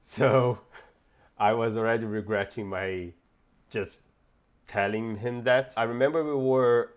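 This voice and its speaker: A man's voice: medium pitch, measured pace. A young Brazilian man with a Brazilian Portuguese accent, telling a personal story in a casual, reflective way with hesitations and restarts. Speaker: fitness vlogger.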